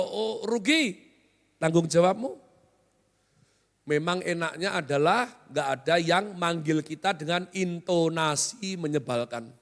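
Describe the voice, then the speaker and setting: High-voiced joking pastor in a reverberant hall. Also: male voice, a bit bright. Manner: joking, conversational, often quizzes the congregation. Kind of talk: sermon. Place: large hotel hall used as church.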